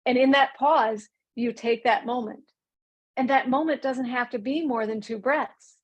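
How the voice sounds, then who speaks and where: Calm higher-voiced woman mindfulness coach. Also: poor audio. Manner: calm, slows and stretches key words. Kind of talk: online mindfulness class.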